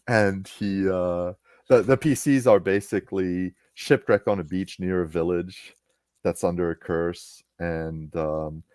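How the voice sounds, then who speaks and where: A man's voice: low-pitched, a little mellow, smooth, no echo, studio quality. A man hosting a casual online chat, recapping a tabletop game he ran, with lots of restarts and fillers. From Canada. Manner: halting, many restarts and fillers. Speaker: podcast host and game master.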